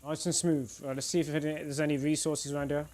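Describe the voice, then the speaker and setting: A man's voice: on the high side, little pitch movement, fairly quick, a little mellow. A man, chatting casually with viewers on a live game stream and laughing often. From England. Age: 30s. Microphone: desk microphone.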